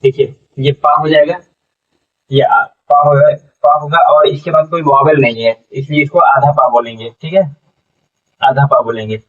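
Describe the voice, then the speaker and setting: Slow, repeating male teacher, distant mic. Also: a little high, steady tone. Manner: slow, spells out syllables, repeats questions to students. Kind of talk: classroom phonics lesson. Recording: dull lo-fi sound from a distant mic.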